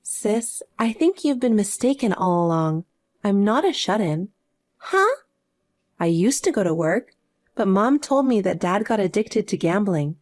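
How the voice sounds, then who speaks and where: A woman voicing a calm, self-assured adult younger sister who speaks matter-of-factly. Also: mid-range voice, a little slow, pitched below the performer's own voice. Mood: explaining. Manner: cool and matter-of-fact.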